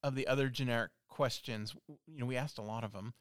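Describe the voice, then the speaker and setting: A woman hosting a casual interview, speaking with a lisp and asking relaxed, brief questions. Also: extremely low pitch, fast, no room sound, clean studio sound. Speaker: interview host.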